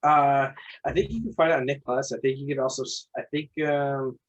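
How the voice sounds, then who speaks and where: Fast-talking husky man, lo-fi sound. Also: mid-range voice. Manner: rambling, eager, restarts a lot. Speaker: podcast co-host. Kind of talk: casual chat. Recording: dull lo-fi recording.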